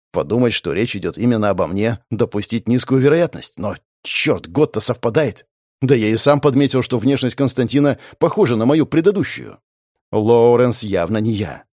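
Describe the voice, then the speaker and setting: A man narrating a first-person audiobook in a gritty, sardonic way, cursing often and dropping into low mutters. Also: a little mellow, dry recording, studio quality.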